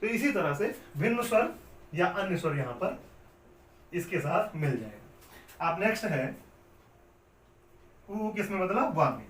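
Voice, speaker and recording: In a classroom lecture, a man teaches Hindi grammar, asking questions and answering them himself while repeating each step. His voice sits high and sing-song, with a measured pace, long pauses and a fairly bright tone. The room is echoey, the mic is at a distance, and there's slight background noise.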